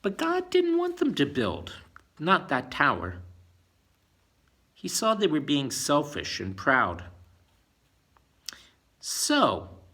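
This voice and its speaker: Speaking on the high side, a man brings a children's bedtime story to life, sprinkling in friendly, teacher-like remarks and questions for the little ones listening.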